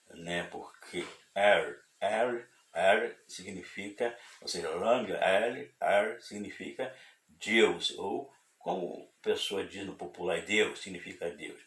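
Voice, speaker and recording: A man preaching slowly, often stalling and repeating words before rising into emphatic bursts. His fairly low voice sits a little off the mic in an echoey room. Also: fairly bright tone, recorded from a distance. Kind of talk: sermon-style religious teaching.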